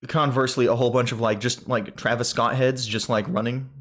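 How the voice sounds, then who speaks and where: A young man co-hosting a gaming podcast, talking news in a relaxed, rambling way with lots of fillers. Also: mid-range voice, brisk. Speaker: podcast co-host. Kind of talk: casual gaming news chat.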